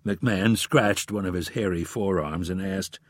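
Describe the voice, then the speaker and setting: A man reading a thriller novel aloud in a measured, even narration. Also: deep voice, no echo, studio quality. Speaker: audiobook narrator.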